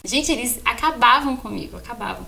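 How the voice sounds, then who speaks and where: A woman with a Brazilian accent co-hosts a podcast, chatting casually and telling personal stories with animation. Her voice is on the high side, fairly quick, with vocal fry, and she acts out exchanges and repeats words for emphasis.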